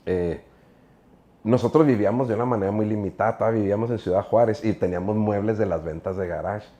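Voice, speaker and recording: A man's voice: fairly low pitch, quick pace, mellow, lo-fi sound. A middle-aged man with a Mexican accent, a preacher telling stories in an interview, earnest and rambling with many filler words. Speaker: guest preacher. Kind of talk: casual interview storytelling.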